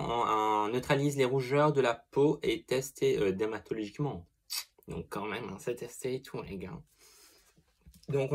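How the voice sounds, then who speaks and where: A young man giving a casual makeup product review as a beauty vlogger, chatty and expressive, swearing freely and gushing over products. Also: medium pitch, slight background noise.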